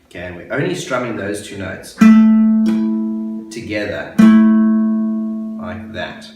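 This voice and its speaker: A man giving a patient, step-by-step guitar lesson for beginners, counting beats and repeating each step. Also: low-pitched. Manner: patient, explains slowly and repeats steps. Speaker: guitar teacher. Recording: very echoey room, voice a bit far from the mic, guitar playing.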